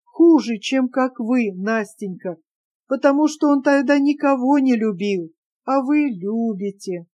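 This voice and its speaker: An earnest, lovesick young dreamer who cannot keep quiet any longer, voiced by a woman reading aloud. The tone is mellow and warm, a little high. It is heard in a spoken audiobook. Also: lively intonation, measured pace, muffled recording. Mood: fervent. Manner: earnest, fervent confession.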